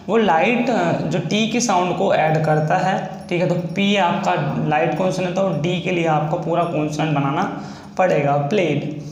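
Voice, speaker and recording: A man teaching a shorthand lesson, slowly and patiently spelling out each sound step by step. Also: high voice. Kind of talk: classroom-style lesson. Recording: echoey room with faint ambient noise.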